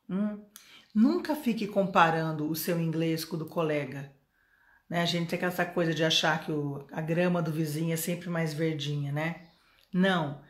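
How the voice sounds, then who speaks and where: A middle-aged Brazilian woman teaching English in a live online lesson, chatty and coaxing, often asking the viewer questions. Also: lowish voice. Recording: roomy echo.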